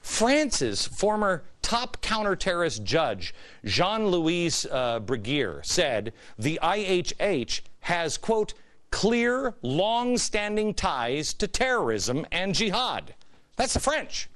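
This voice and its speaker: A man's voice: sits high, very animated, slow, fairly bright tone. An American man hosting a political commentary show, delivering a sarcastic, mock-innocent monologue full of repeated phrases and pointed rhetorical questions.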